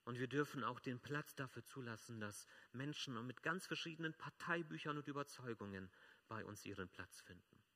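A man preaching a sermon as pastor, emphatic, swelling loud and dropping soft. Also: mid-range voice, moderate pace.

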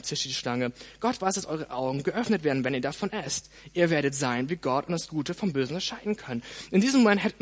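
His voice runs on the high side as he preaches, addressing listeners directly. Frequent "hey" and "ne?" punctuate a lively, varied sermon.

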